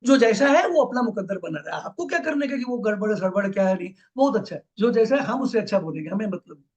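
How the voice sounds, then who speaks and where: A man's voice: sits high, lively intonation, fast talker, dull audio. A man with an Indian accent giving a motivational business talk, emphatic and repetitive, often dropping into English phrases. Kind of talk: motivational speech.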